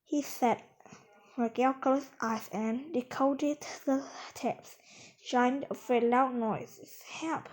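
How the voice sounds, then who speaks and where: A woman reading a children's adventure book aloud in a lively way. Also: high-pitched, slow, poor audio. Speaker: storyteller.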